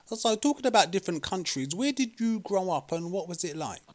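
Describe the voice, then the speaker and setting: A man's voice: high voice, very animated, brisk. A man hosting an interview podcast, asking questions in a friendly, straightforward way. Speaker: podcast host.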